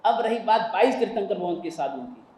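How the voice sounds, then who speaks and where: A man preaches a religious sermon, telling stories in emphatic, repeated phrases. His voice sits high and carries through a roomy hall. Faint ambient noise stays in the background. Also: animated, fairly quick, warm tone. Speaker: Jain preacher.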